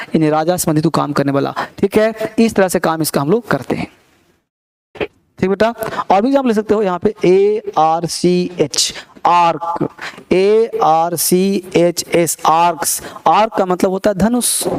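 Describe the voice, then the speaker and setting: Male English tutor, clear high voice, repeats and quizzes constantly. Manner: repeats words and quizzes students, drills pronunciation. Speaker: English teacher. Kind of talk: classroom grammar lesson in Hindi.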